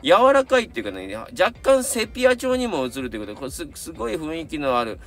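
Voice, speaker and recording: A man's voice: a little high, sing-song, quick pace, fairly bright tone. A middle-aged man with a Kansai accent, chatting casually as a camera channel host, rambling with many fillers and asides while reviewing gear and reading viewer submissions.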